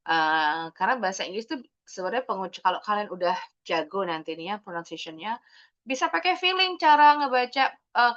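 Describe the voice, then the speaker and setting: Lively Indonesian woman teaching English. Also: mid-range voice, lo-fi sound. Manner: explains patiently, mixes English words into her talk. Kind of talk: online class teaching.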